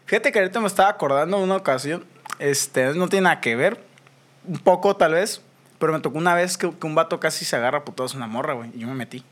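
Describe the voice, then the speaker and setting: Telling a story animatedly, a young podcast co-host with a Mexican accent fills his talk with slang and swearing. His voice is a little high, fast, and fairly bright.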